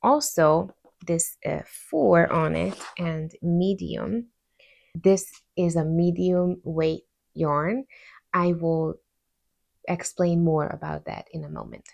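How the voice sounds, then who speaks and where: A woman with a Hungarian accent hosts a crochet tutorial on her channel, explaining casually in a chatty, friendly way with playful asides. Her voice is fairly low, slow, creaky, and a little mellow.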